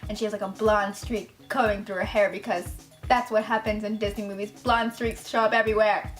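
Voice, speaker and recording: A woman's voice: medium pitch, little pitch movement, a little fast, faint music behind. A woman chatting in a rambling vlog, full of fillers and self-corrections as she recaps a movie. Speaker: vlogger. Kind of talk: casual movie commentary vlog.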